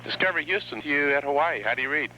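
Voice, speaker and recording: A man's voice sounds over a distant radio transmission as he calls a spacecraft from mission control. He talks quickly in brisk call-and-answer radio style, his tone sharp and cutting, and a faint hiss runs under it. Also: on the high side, expressive, dull audio.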